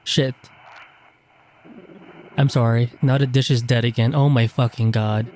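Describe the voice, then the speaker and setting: A man's voice: mid-range voice, steady tone, measured pace, darkish tone, a little hiss or hum. A man giving commentary while playing a horror game, jumpy and nervous, cursing often. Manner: jumpy, swears a lot, nervous exclamations. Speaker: gamer.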